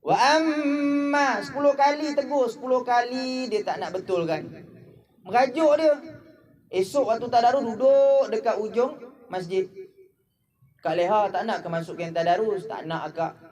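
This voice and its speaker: A man's voice: very high voice, moderate pace, dark tone. A Malaysian man giving a humorous Ramadan lecture in a mosque, telling stories and mimicking characters. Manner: jokey storytelling, mimics characters. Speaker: preacher.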